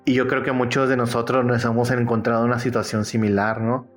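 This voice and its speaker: Man, faith testimony, earnest and conversational, mid-pitched voice, soft music behind. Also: flat delivery, fast talker. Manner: earnest, conversational, frequent tag questions.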